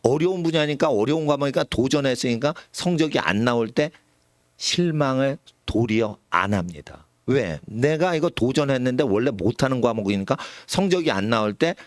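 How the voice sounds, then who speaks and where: A man, a pastor, preaching a sermon in a lively way, sometimes acting out the voices of the people he quotes. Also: medium pitch, moderate pace, dry recording, studio quality. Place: church sanctuary.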